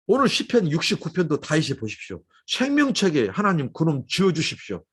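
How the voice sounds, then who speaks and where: A male pastor delivers a livestreamed dawn sermon in a husky, slightly raised voice. His pitch climbs and falls widely as he moves from loud urging to quiet, hushed asides. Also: wildly swooping pitch, brisk. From Korea. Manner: impassioned, swings between loud urging and soft hushed asides.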